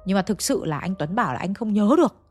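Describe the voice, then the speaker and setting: Lady telling a ghost story, chatty, talks right to you, soft music under. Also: medium pitch, animated, quick pace. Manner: chatty, addresses listeners directly.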